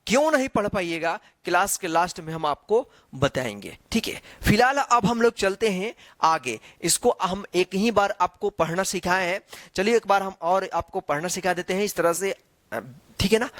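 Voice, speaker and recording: A man teaches the Hindi alphabet in an online lesson, reciting the letters slowly and drawn-out one by one, checking in with the viewer often and quizzing with repeated questions. His voice is high-pitched, expressive, and fairly bright, on a dry recording.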